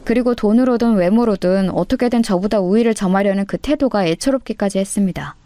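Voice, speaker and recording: A woman telling a scripted first-person story to listeners in a steady, confiding way. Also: mid-range voice, fairly quick, no echo.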